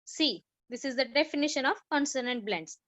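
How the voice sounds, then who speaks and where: A woman's voice: high-pitched, lively intonation, fairly bright tone, a little hiss or hum. A woman with an Indian accent teaching an online phonics lesson to children, asking questions and repeating sounds. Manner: slow, drawn-out teaching with repeated questions, switching between English and Hindi.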